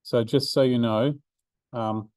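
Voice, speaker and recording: A man's voice: mid-range voice, fairly even intonation, takes it slowly, a little mellow, no echo. Chatty man tutoring a statistics class. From Australia. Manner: chatty, many ums and restarts. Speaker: maths tutor. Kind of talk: revision seminar lecture. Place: university classroom.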